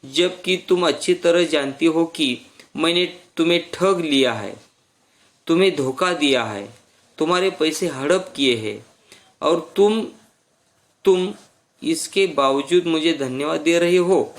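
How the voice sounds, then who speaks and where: A man voicing an angry, stern male employer who shouts in a trembling voice while reading a story aloud in a lesson. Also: a little high, slow pace. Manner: raised, trembling with anger.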